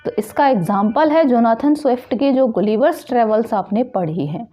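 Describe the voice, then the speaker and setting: Mellow-voiced woman teaching exam prep. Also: on the high side, lively intonation, soft background music. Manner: asks questions and answers them herself; reads English definitions slowly, then explains in Hindi.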